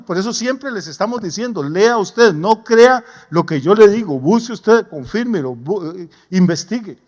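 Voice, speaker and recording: High-voiced pastor preaching. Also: male voice. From Costa Rica. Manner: folksy, humorous preaching with homely stories. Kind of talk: sermon. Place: church sanctuary. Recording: long church reverb.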